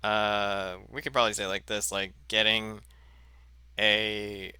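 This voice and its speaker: Slow, halting man teaching math. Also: on the low side, little pitch movement, sharp tone, clear, resonant tone, no echo. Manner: slow and halting, full of fillers and self-corrections. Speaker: math instructor. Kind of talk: recorded lecture.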